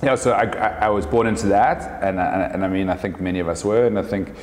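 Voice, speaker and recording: A South African man in his thirties, a business owner talking casually as an interview guest, relaxed and thoughtful, with many fillers and restarts. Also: deep voice, quick pace, a little hiss or hum. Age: 30s. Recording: echoey room with long reverb.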